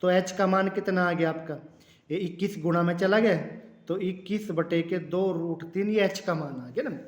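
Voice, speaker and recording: In a reverberant space, a man with a high-sitting voice teaches a math lesson step by step at normal speed. He calls his students "children," repeats key words, and clears his throat now and then.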